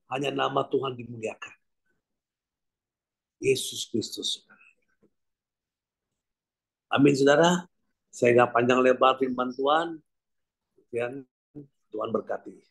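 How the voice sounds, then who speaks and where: A man's voice: mid-range voice, slow pace, vocal fry, long pauses, a bit bright, breathy edge, poor audio. A man preaching an evangelistic sermon over a video call, telling a story and closing in prayer, repeatedly addressing listeners as brothers and sisters.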